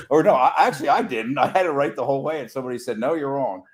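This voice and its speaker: A man's voice: mid-range voice, expressive, quick pace. A man co-hosting a local podcast, chatty and joking. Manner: joking, chatty, laughs often. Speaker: podcast co-host. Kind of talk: casual chat.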